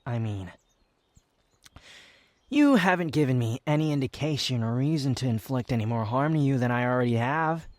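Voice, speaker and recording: A man playing an aloof, proud, sardonic young wanderer in an intimate roleplay audio drama, speaking in haughty, formal, halting phrases. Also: mid-range voice, expressive, darkish tone, no room sound, close to an everyday voice. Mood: smug, menacing. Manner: haughty, formal wording, halting, sighs and scoffs.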